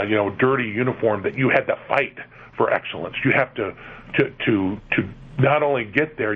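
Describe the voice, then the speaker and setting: A middle-aged man from California, a guest on a radio interview, who talks in a halting way with many repeated words and fillers. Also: on the low side, breathy edge. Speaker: interview guest, museum executive. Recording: dull lo-fi radio broadcast with faint noise.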